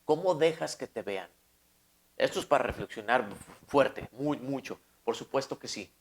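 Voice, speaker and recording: A man's voice: medium pitch, lively intonation, normal speed. A man preaching a conversational Bible-study sermon, often putting rhetorical questions to the listener.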